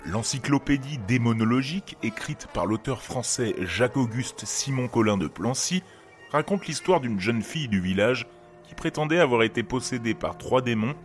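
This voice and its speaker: A man's voice: medium pitch, lively intonation, normal speed. A man, hosting and narrating a scripted horror show. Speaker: host of a horror storytelling show. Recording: music behind the voice. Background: music.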